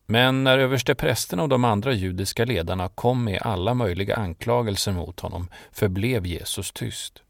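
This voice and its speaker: Gravelly low man reading a Bible story. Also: dry recording, studio quality. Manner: measured, solemn storytelling. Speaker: narrator. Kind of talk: scripted Bible narration.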